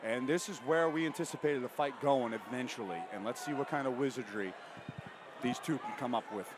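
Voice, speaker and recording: A man giving live MMA commentary from cageside in an excitable, emphatic way. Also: medium pitch, fairly quick. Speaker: fight commentator. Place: cageside at a live fight event. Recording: noisy live venue ambience.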